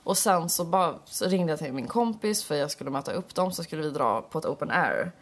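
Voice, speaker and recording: Lively young Swedish-speaking woman telling stories. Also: low-pitched. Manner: animated storytelling, acts out quoted voices. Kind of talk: casual chat.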